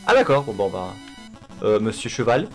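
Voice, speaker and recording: Animated man commentating a video game. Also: fairly low pitch, moderate pace. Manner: sweary, self-mocking asides. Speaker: gamer commentating a playthrough. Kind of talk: casual gameplay commentary. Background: game music.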